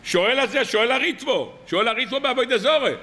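A man preaching as a rabbi, telling stories and firing rhetorical questions at his listeners. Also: very high voice. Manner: lively storytelling with rhetorical questions. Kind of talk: weekly sermon.

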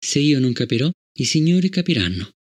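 A man reading an audiobook, voicing a cold, relentless male guard robot with a flat, formal manner. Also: mid-range voice, brisk. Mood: stern. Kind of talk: audiobook character voice.

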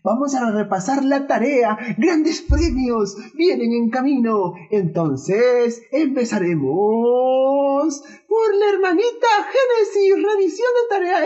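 A woman playing a squeaky-high, playful boy puppet leads kids in a church puppet show, chuckling at its own jokes and calling for the children to repeat after it. The voice sits way up high, and the recording is dull and lo-fi. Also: darkish tone. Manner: playful, laughs at own jokes, call-and-response.

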